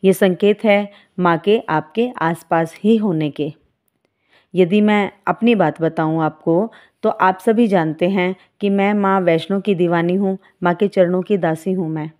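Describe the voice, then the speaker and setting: Woman spiritual guide doing a devotional talk, lowish warm voice, calm and motherly, calls everyone children. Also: a little slow.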